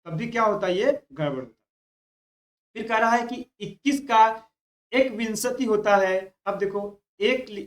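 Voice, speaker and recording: High-voiced man teaching a Hindi lesson. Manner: repeats key words, tells students to note things down. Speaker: Hindi exam tutor. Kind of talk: online exam-prep lesson.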